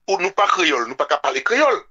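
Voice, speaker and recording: On a lo-fi radio show, a man from the French Antilles with a French Caribbean accent argues politics in an impassioned, informal way, emphatically repeating words. His voice runs fairly high and sharp, and he talks at a racing, highly animated clip.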